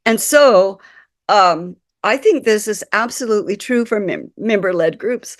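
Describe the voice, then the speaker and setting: A woman with a croaky, nasal voice from a cold, giving a webinar talk as a guest speaker over a video call, apologetic and clearing her throat. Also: mid-range voice, lively intonation, a little slow, no room sound, studio quality. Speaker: guest speaker, community consultant.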